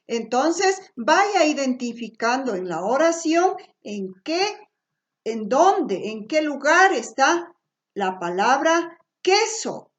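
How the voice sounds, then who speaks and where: A woman teacher speaks in a high voice at an unhurried pace. She explains patiently and keeps checking that her listeners follow along. The recording sounds dull and lo-fi. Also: fairly bright tone. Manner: slow, patient, frequent checking questions. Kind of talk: remote classroom lesson.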